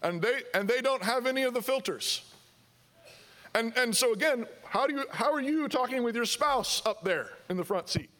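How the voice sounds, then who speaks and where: High-voiced guy preaching, chatty sermon style, lots of questions, bright sharp tone. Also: lively intonation, normal speed. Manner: conversational preaching with rhetorical questions and quoted objections. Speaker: pastor.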